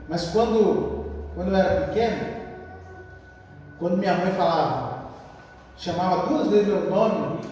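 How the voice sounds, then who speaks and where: A man's voice: sits high, darkish tone, slight background noise. A man preaching a sermon in a church, emphatic and repetitive, calling his listeners brother. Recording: echoey hall from far off, music behind.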